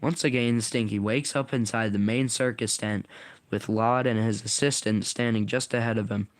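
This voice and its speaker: A man's voice: lowish voice, fairly even intonation, moderate pace, no room sound. A man reading his own story aloud in a casual way, sometimes stumbling and correcting himself.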